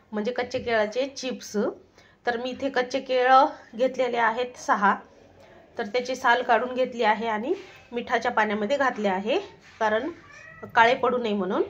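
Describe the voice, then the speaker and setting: A woman's voice: fairly high pitch, a bit bright, muffled recording. A woman with a Marathi accent hosting a home cooking channel, demonstrating a recipe step by step in a homely, instructive way. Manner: homely, instructive, repeats "तर हे बघा".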